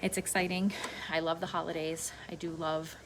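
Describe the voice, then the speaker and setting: Low-pitched woman rambling casually over background noise. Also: normal speed, rough recording. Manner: informal, meandering, repeats herself. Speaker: vlogger. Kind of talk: casual rambling solo vlog chat. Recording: clear steady background noise.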